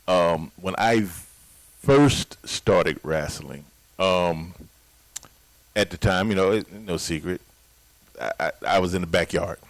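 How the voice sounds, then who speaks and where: A man's voice: low voice, slow, pauses often, dry recording, low-quality recording. A man co-hosting a wrestling podcast in casual chat, laid-back and stammering as he starts his points. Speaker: podcast co-host.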